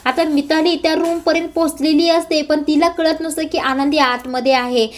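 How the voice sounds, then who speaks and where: A woman narrating a serial episode recap in a casual, steady storytelling manner. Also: high-pitched, normal speed. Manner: plain, steady retelling.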